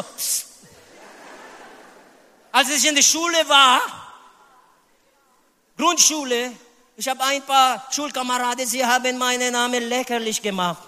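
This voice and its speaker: High-voiced Filipino pastor preaching. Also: male voice, bright, forceful tone, in a large hall. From Philippines. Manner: emphatic preaching, sudden high exclamations, sprinkles English phrases. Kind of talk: sermon.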